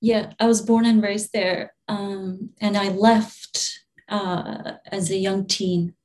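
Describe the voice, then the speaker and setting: A young Albanian woman who works as a spiritual channeler chats in a relaxed interview. Her voice is soft and medium-pitched, her pace slow, and she laughs often and restarts her sentences.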